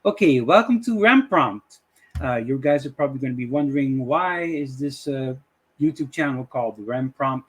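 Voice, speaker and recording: A middle-aged man from the Dutch West Indies, speaking with a Dutch accent, hosts his channel with a casual screen-share tutorial intro. His husky, expressive voice sits at medium pitch and moves at a normal speed as he rambles along, full of fillers.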